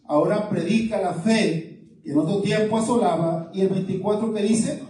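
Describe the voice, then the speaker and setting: Preaching in a church hall, a male pastor reads scripture and asks his congregation questions at a normal speed, his high-pitched voice carrying a dark tone. Slight background noise, an echoey room, a distant mic and the congregation's replies all come through.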